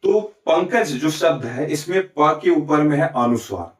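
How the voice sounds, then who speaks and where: Recorded from a distance in an echoey room, a man with a fairly high, lively voice teaches a Hindi grammar lesson at an unhurried pace. He has a Chhattisgarh accent, explains step by step, answers his own questions, and often adds "ठीक है?" and "है ना?" to check understanding.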